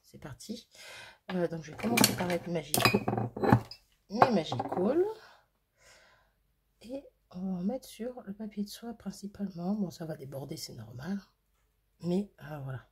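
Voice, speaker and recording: A woman's voice: lowish voice, lively intonation, unhurried, pauses often, slight background noise. A woman hosting a crafting video, chatting casually and thinking aloud with fillers and little laughs as she works. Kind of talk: casual crafting tutorial chat.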